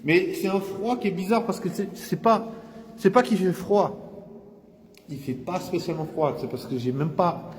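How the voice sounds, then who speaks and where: A high-pitched young man talks at a normal pace, with slight background noise, in an outdoor vlog monologue. He rambles in casual slang about his day, making fun of himself while he's cold and coming down with a bug.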